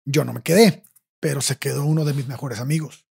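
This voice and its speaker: A husky-voiced young man with a Mexican accent, recounting events in loose, slangy podcast chat. He swears easily and drops "güey" at the end of almost every phrase. His pitch sits in the middle of the male range. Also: steady tone, brisk, a little mellow. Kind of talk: casual storytelling chat.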